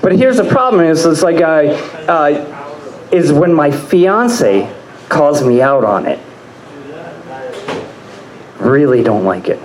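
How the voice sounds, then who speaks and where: A man's voice: on the high side, very animated, slow pace, pauses often. A man doing a stand-up comedy set on a club stage, rambling and crude, often laughing at his own jokes. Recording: echoey club room.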